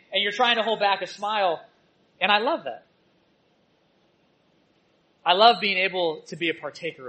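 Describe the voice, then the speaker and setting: A man who teaches at church preaches a sermon, telling his own stories and shifting between loud calls to action and soft asides. His voice sits high, and the recording is rough.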